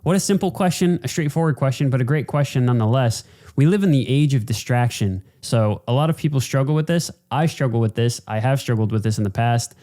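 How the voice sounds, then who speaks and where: A man's voice: medium pitch, a little fast, warm tone. A man hosting a casual solo podcast, talking in an informal, rambling, sweary way. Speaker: podcast host.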